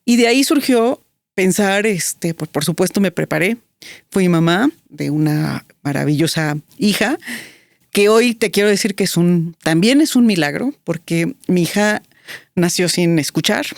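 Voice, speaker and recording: A woman's voice: fairly low pitch, expressive, unhurried, gravelly, no room sound, clean studio sound. A woman, a guest telling a personal story in an interview, reflective, with many fillers and restarts. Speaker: guest, business strategist.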